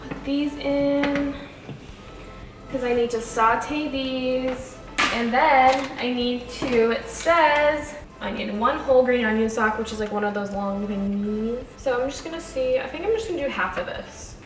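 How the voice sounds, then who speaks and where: She speaks on the high side and in no hurry, a woman in her 20s hosting a home cooking vlog. The talk is loose and friendly as she cooks indoors, with affectionate words for her pets. The recording has background noise, an echoey room sound, and music underneath.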